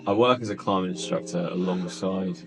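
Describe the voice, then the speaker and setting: A young man in his twenties, a climbing instructor guest, talking in an animated, joking way at a climbing centre. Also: low-pitched, brisk. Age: 20s. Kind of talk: casual interview. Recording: guitar music behind.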